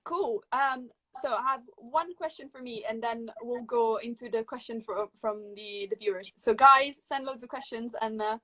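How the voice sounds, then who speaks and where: Woman, young adult, slightly high voice, upbeat interviewer, filler-heavy, video call. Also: normal speed, few pauses, bright, forceful tone, low-quality recording. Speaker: interviewer host. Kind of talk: casual interview chat.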